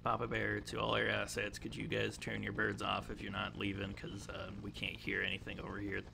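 A man's voice: lowish voice, completely flat delivery, brisk. A man casually briefing players over gaming voice chat as game master, playful and fond of silly nicknames. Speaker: game master running a military game session. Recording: gaming headset with clear background noise.

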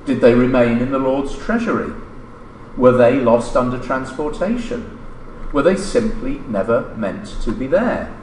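Reading a scripted paper aloud at a lectern, a middle-aged male academic speaks formally and deliberately at medium pitch, yet his intonation stays lively. The indoor lecture room gives the recording a roomy, reverberant echo, with background noise underneath.

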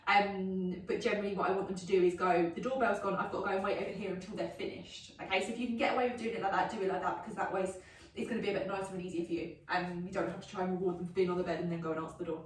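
A woman's voice: lowish voice, steady tone, very fast. A woman teaching dog training at home, chatty, often saying "um" and checking "okay?" as she explains each step. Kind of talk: instructional demonstration. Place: home indoors. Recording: echoey room, voice from a distance.

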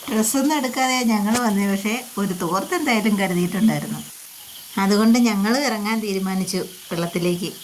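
Female travel vlogger, English words mixed into Malayalam, mid pitch, noisy water-side recording. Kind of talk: casual travel vlog narration. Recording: noisy outdoors, loud rushing water hiss.

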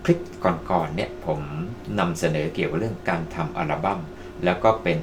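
Low-pitched and brisk, a video-making tutorial presenter talks casually to his online audience, politely calling them friends. There's background noise, and music plays behind him.

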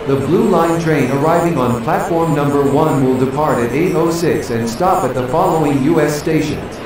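A man's voice: a little high, moderate pace, crowd noise. A male automated voice reading a train announcement from spliced-together recorded words, stiff and clipped, with each place name pasted in separately. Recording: very echoey, distant, with music.

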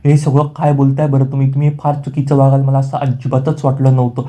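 A man reading the lines of a defiant young heroine who accuses her family, flatly and close to his own voice. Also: mid-range voice, quick pace, close to an everyday voice. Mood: accusing. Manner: flatly read, with little change from narration.

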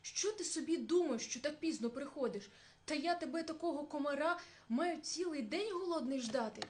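A woman voicing a fierce, hungry male bear who shouts threats. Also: sits high, normal speed, natural voice. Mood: roaring.

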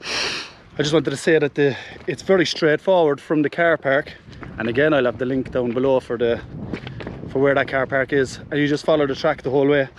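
A man in his thirties with an Irish accent, walking a mountain trail and explaining the route in a relaxed way, pausing on fillers as he films himself at arm's length. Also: mid-range voice, a little hiss or hum. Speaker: hiking vlogger. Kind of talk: casual walking commentary. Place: open mountainside outdoors. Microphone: camera held at arm's length.

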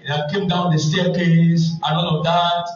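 A pastor with a Nigerian accent delivers a sermon in a high voice and mixes humorous stories into his preaching. He is heard from a distance in a strongly echoing church hall. The sound is dull and muffled, and soft music plays underneath. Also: level tone, a little slow.

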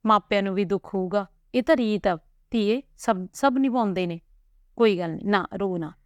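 A woman voicing a kind older woman who soothes a crying girl with gentle coaxing. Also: medium pitch, normal speed, dry recording, lightly acted. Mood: soothing.

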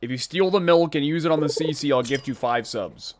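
A man's voice: on the high side, a little fast, slight background noise. A man chatting casually and teasing his co-op partner while streaming a farming game. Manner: joking, swearing, teasing banter. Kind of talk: casual co-op gameplay chat.

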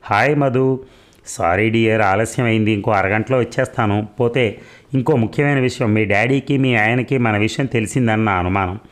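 Storybook reading: a man voicing a smooth young lover on the phone, hurried and intimate. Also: lowish voice, lightly acted.

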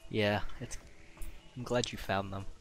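Lowish-voiced profane Midwestern guy. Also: fairly even intonation, a little slow, music in the background. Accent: Midwestern American. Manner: joking, profane, laughs often. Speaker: gamer host. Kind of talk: casual gameplay chat.

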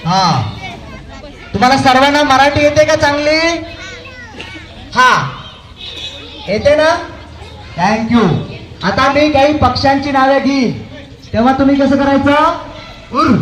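A man's voice: extremely high pitch, expressive, slow pace, long pauses, a bit bright. A man hosting comedy games for children at a community celebration, joking with and coaxing the kids. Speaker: event host running children's games. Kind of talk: live comedy game hosting. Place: outdoor community celebration stage. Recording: echoey PA sound with crowd.

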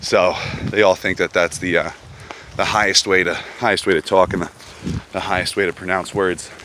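A man with a low voice talks to his camera as he walks a woodland trail. His speech is relaxed and rambling, full of slang and fillers, with faint outdoor noise underneath. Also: normal speed. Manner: laid-back, rambling, slangy, many fillers. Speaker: vlogger walking a pilgrimage route. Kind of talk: casual walking vlog.

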